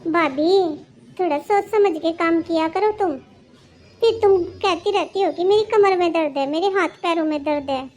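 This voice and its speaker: A woman's voice: very high-pitched, moderate pace, a little mellow. A woman voicing a caring older sister-in-law who lectures her relative with advice. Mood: advising. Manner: advising, lecturing tone.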